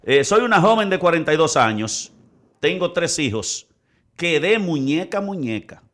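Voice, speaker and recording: A man's voice: fairly high pitch, very animated, moderate pace, fairly bright tone. A man hosting a radio talk show, reading listener letters aloud with playful, exclamatory banter.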